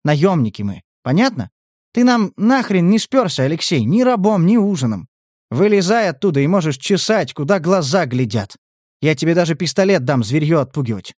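A man's voice: a little high, big pitch swings, normal speed, a little mellow, no room sound, studio quality, voice pushed up. A man voicing a level-headed mercenary talking a scared youth down in a coaxing, persuasive way. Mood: coaxing calm. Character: calm, reasoning young mercenary negotiator.

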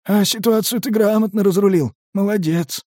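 A man voicing a husky, ironic mercenary medic who muses philosophically. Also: high-pitched, normal speed, a little mellow, no room sound, studio quality, pitched above the performer's own voice. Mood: musing ironic. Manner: musing, ironic.

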